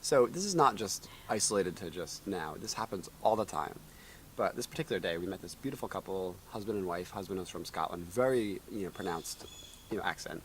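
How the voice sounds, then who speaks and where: Man, thirties, low voice, animated pitch, faint outdoor ambience. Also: fairly quick, a little hiss or hum. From United States. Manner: lively storytelling, chuckling. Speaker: co-host. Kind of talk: casual chat. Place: outdoor backyard.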